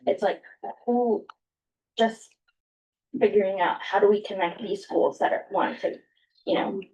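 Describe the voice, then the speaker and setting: Woman, council member, casual, loose phrasing, mid pitch, distant, muffled. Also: measured pace, darkish tone. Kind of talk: meeting discussion.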